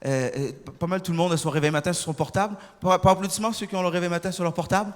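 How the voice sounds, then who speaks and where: Rapid, high-voiced comedian. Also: male voice. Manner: animated, bursts into shouted impressions. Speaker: stand-up comedian. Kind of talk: stand-up comedy set. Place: large theater stage. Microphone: stage microphone. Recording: reverberant hall, faint audience noise.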